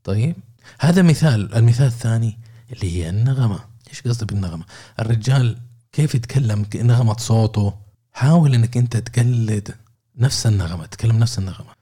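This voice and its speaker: Saudi male sales trainer, dark husky tone, casual and explanatory. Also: mid-range voice, lively intonation, quick pace. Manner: chatty, explains with made-up example dialogues. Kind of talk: informal training talk.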